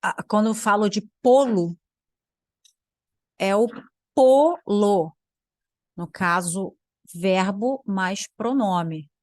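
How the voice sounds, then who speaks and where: Her voice mid-range and her pace slow with frequent pauses, a young Brazilian language teacher with a Brazilian Portuguese accent reacts sarcastically. She thinks out loud and drifts into mutters, captured in clean, echo-free studio sound.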